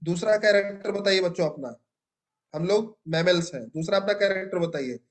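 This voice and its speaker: A man's voice: high voice, moderate pace. A young man teaching a biology class, asking students questions and praising their answers. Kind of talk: classroom lecture.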